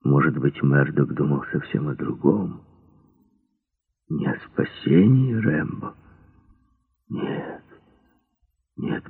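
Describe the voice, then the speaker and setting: A man with a very deep, husky voice narrates an action audiobook in a steady, measured way. The sound is thin and phone-like, and very dry. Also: dry recording. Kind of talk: scripted narration.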